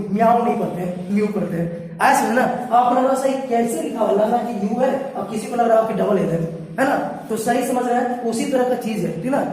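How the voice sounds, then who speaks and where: A woman's voice: on the high side, dark tone, far from the mic. Woman teaching in an echoey room. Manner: repeats questions and answers them herself. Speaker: science teacher. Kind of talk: classroom lecture at a board.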